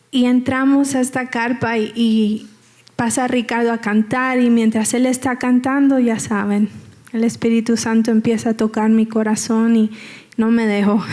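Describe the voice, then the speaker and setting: A woman's voice: fairly high pitch, warm tone. Woman telling her church testimony. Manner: conversational, repeats phrases, asks the audience for agreement. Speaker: guest speaker giving testimony.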